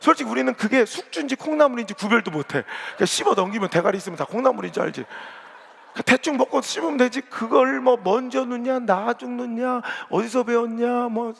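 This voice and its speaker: Gravelly, blunt-talking male pastor. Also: very high-pitched, a little fast, fairly bright tone. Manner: blunt, joking, colloquial preaching. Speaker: senior pastor. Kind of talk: revival sermon. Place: large church sanctuary. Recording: long reverb of a big church hall.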